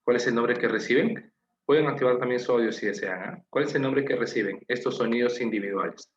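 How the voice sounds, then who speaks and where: A man's voice: mid-range voice, brisk, echoey room, lo-fi sound, a little hiss or hum. A man with a Peruvian Spanish accent teaching an online class, patiently explaining and asking his students questions. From Peru.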